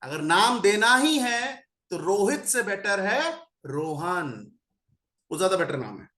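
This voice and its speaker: Animated, unhurried male numerology teacher. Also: high voice, reverberant. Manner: repeats syllables over and over, drawn out for emphasis. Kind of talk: explanatory lesson.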